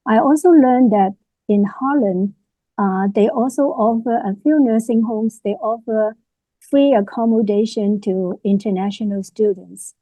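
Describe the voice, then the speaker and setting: A woman's voice: a little high, unhurried, warm tone, dry recording, rough recording. A woman moderating a webinar on a video call, closing with thanks and frequent "you know" fillers.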